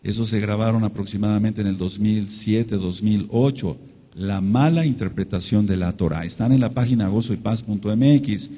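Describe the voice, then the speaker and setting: A congregation teacher with a Mexican Spanish accent leads a sermon-style Torah study, repeating phrases for emphasis and calling out amen and hallelujah. His lowish, mellow voice moves at a moderate pace. Long hall reverb fills the recording.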